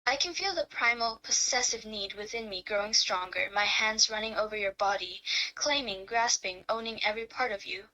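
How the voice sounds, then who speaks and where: [name], a woman playing a bright-voiced possessive lover. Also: mid-range voice, normal speed, close to an everyday voice, rough recording. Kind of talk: live-streamed romantic roleplay reading.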